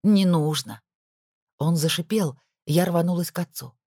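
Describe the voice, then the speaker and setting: Woman reading a story in first person, low voice, dry close sound. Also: measured pace, dark tone, breathy edge, no room sound. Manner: emotional, intimate storytelling. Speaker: audiobook narrator. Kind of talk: first-person audiobook narration.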